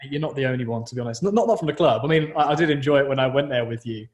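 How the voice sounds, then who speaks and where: A man's voice: medium pitch, racing. A young man with a southern English, British accent chatting casually about football in informal slang as a podcast co-host. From southern England. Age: young adult. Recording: roomy, echoey sound.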